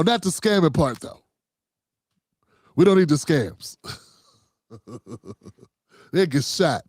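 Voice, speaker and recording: This high-pitched host is recorded at studio quality with no room sound. Talking loosely and profanely about politics on his own show, he rambles and addresses the audience as "fam."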